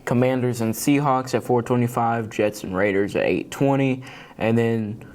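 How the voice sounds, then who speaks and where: A man's voice: medium pitch, moderate pace. A man co-hosting a casual sports podcast, sleepy and yawning, laughing easily as he reads out the week's games. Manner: relaxed, laughs often, reads out schedules. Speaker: podcast co-host.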